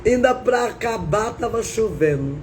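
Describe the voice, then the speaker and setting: A woman preacher shares her testimony on a live stream, drawing her words out slowly. She tells it with feeling and drama and keeps breaking in with praise, over a faint hiss behind her. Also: on the high side, lively intonation, darkish tone, low-quality recording. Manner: dramatic, repeats praise phrases. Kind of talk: emotional testimony sermon.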